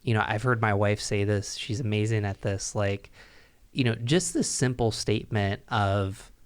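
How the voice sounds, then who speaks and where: A man hosting a podcast, chatting quickly and joking with his guest. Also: on the low side, smooth. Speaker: podcast host. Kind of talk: casual podcast interview.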